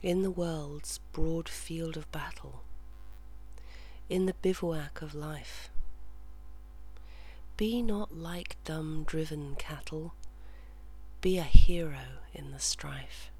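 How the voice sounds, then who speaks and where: A person softly delivering guided relaxation and verse in a soothing, measured way, slipping in and out of a whisper. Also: medium pitch. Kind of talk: slow guided relaxation and soft poetry reading, often whispered. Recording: clearly audible hum and background noise.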